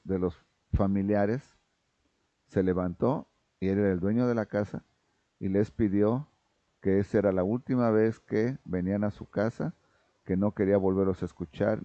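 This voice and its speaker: A man's voice: lowish voice, dry recording. A man preaching a sermon as pastor, speaking emphatically and often checking in with his listeners. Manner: raises his voice when reading scripture aloud. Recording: dull lo-fi recording, dry.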